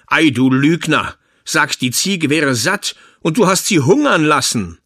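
A man voicing a stern, quick-tempered old tailor and father in a storybook reading, gruff and scolding. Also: fairly high pitch, expressive, pushed and bright, no room sound, clean studio sound, voice pushed up, heavily acted. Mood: angry.

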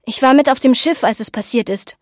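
Defiant young woman, quick and questioning, read by a female narrator. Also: high voice, dry recording, clean studio sound, pitched above the performer's own voice, lightly acted.

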